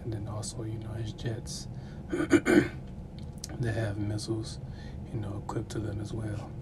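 A man's voice: on the low side, monotone, slow pace, whispered. A man reading scripture and expounding on it informally as a Bible teacher. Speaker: Bible teacher commenting on a video. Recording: very noisy amateur recording.

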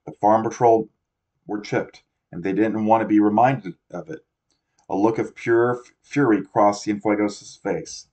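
A man with a low, darkish voice narrates a novel at a measured pace and with fairly even intonation, as an amateur audiobook. The dull lo-fi recording catches his frequent slips and self-corrections.

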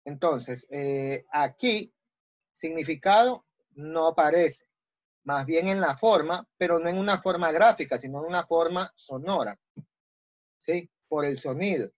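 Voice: medium pitch, unhurried, dry recording, lo-fi sound. A teacher with an Ecuadorian Spanish accent explaining a language lesson step by step, often checking with "¿sí?". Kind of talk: recorded online class.

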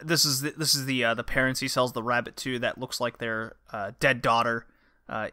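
A man's voice: mid-range voice, pushed and bright, dry recording, clean studio sound. A man co-hosting a podcast, recapping plots in a rambling, laughing way. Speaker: podcast co-host. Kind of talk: casual chat.

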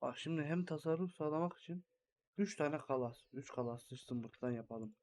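A man's voice: fairly high pitch, moderate pace, darkish tone, a little hiss or hum. A young man hosting a gaming channel, giving rambling, think-aloud commentary while he builds in a farming game.

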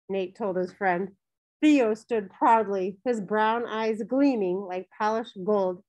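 A woman narrating a children's novel in a gentle storytelling manner. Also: on the high side. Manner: gentle storytelling, briefly voicing characters. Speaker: audiobook narrator.

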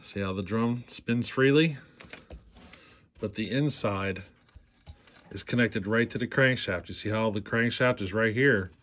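A man's voice: lowish voice, measured pace, long pauses, a bit bright. A man in a workshop demonstrating a chainsaw repair, talking plainly and unhurriedly, often asking "see how". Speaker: chainsaw repair channel host. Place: workshop bench.

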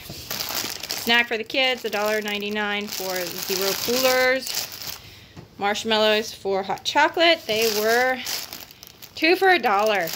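A woman's voice: medium pitch, background noise. A woman in her thirties, a homesteading vlogger, chatting casually through a shop-with-me grocery haul, filmed on a handheld phone in a store and then at home. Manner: chatty, price-focused, self-correcting. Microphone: handheld phone camera.

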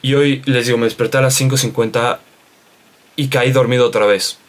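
A man's voice: medium pitch, steady tone, fairly quick. A young man talking casually to his camera in a vlog, rambling and chatty with many asides and fillers. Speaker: vlogger.

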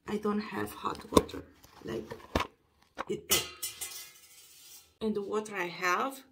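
A Romanian-accented woman in her thirties vlogs casually at home in her bedroom and bathroom, holding a phone at arm's length for a selfie video. Her mid-range voice has vocal fry, and she talks slowly, relaxed and sleepy, with frequent laughs and restarts over heavy background noise.

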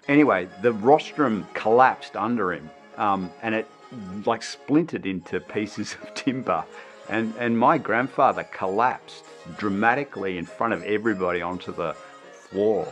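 Lower male voice, relaxed rambling anecdote, faint music bed. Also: normal speed. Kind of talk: casual reminiscing.

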